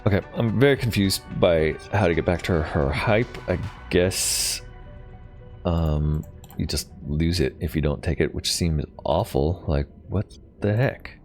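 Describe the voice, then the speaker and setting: Low-voiced man musing over a game. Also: a little slow, darkish tone, soft background music. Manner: thinks aloud, many ums and hedges. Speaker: gaming channel host. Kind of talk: casual let's play commentary.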